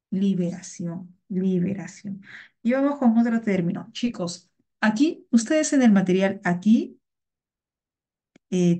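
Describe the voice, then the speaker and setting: A woman's voice: medium pitch, mellow. A woman teaching an online class over a video call, patient and encouraging, often repeating her words.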